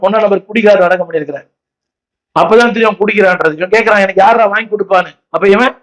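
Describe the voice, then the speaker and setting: Rough audio captures a high-voiced Indian pastor with a Tamil accent preaching in church. His style is repetitive and exhorting: he asks the crowd questions and keeps calling on them to echo his words aloud.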